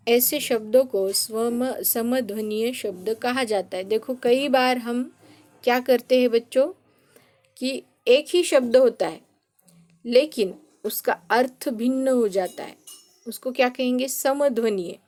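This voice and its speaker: A woman's voice: fairly high pitch, darkish tone. A woman teacher giving a grammar lesson to children, patiently explaining and answering her own questions.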